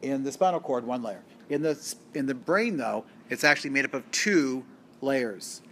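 A man delivers a college biology lecture in a screencast, walking through the material step by step at a middling pitch. He poses questions to his students and answers them himself, and sometimes stops to correct a slip. A faint hiss sits under the recording. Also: lively intonation, normal speed, fairly bright tone.

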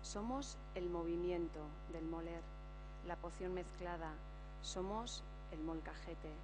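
A woman on stage reading a poem and presenting an award ceremony in a measured, formal manner. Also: on the low side, background noise. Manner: measured, reads from a sheet. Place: large indoor hall on a stage.

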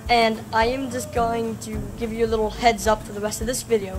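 A young woman introducing a video outdoors in the woods, explaining in a chatty, halting way. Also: fairly high pitch, flat delivery, over music. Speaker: channel editor. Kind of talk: casual intro to camera.

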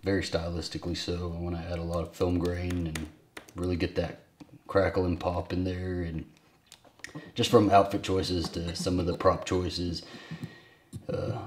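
A man's voice: deep voice, a little mellow, roomy sound. A young man vlogging casually about film, rambling and laughing often. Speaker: vlogger and filmmaker. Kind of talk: casual chat to camera.

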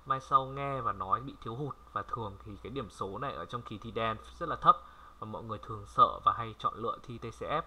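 A man from Vietnam giving a casual language lesson, chatty and repeating words slowly for viewers to copy. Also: lowish voice, pushed and bright. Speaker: French language tutor. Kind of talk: casual screen-recorded lesson.

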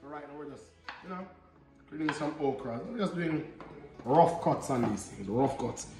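A man's voice: fairly high pitch, expressive, normal speed, music in the background. Jamaican man cooking in an echoey kitchen. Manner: easygoing, chatty, patois-flavored banter. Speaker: cooking vlog host. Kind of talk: casual cooking demo. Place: home kitchen, indoors. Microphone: camera mic at a distance. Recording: roomy kitchen echo, distant mic, clear background noise.

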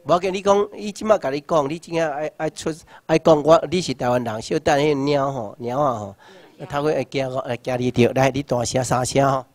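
A Taiwanese man in his sixties gives a rousing political lecture. He asks rhetorical questions and shouts slogans. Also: mid-range voice, fairly even intonation, brisk. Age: 60s. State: numb hands and feet. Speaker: seminar lecturer.

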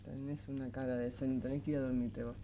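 An actress with a Rioplatense accent playing a tender, weary single mother who soothes her young son in a soft, coaxing voice that often sinks to a murmur. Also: a little high, animated, moderate pace, slight background noise, lightly acted. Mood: gentle, sleepy. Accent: Rioplatense Spanish. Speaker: mother of an eleven-year-old boy. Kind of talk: 1980s television drama acting.

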